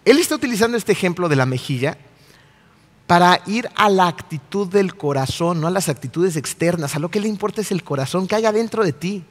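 A man preaching a sermon, animated and asking his audience rhetorical questions. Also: high voice, a little fast, in a large hall.

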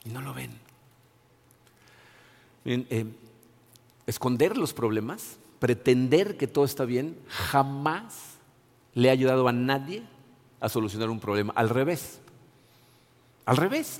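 A man's voice: mid-range voice, expressive, unhurried, pauses often. A middle-aged male pastor, giving an earnest, conversational sermon full of restarts and repeated words. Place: church. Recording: long hall reverb.

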